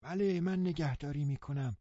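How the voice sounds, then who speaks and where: A man voicing a flustered, fussy old woman housekeeper in an audiobook, speaking high, startled and apologetic. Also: dark tone, no room sound, close to an everyday voice. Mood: curt. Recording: dull lo-fi recording.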